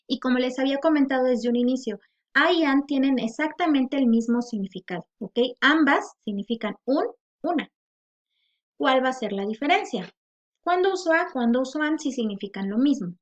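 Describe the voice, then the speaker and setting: Woman, English teacher, patient explanations, slightly high voice. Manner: patient, explains slowly with checking "¿ok?". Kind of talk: online grammar lesson. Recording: dull lo-fi audio.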